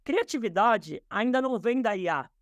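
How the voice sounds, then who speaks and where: A man's voice: high voice, expressive, moderate pace, no room sound. A man from Brazil, a podcast guest, explaining ideas in a thoughtful way with many fillers and restarts, speaking from his office over a video call. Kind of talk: explanatory interview talk.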